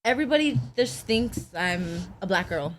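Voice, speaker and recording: An American woman in her thirties talking loudly and animatedly as a guest in a casual podcast chat. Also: on the high side, moderate pace. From United States, Brooklyn and California. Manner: loud, animated talker.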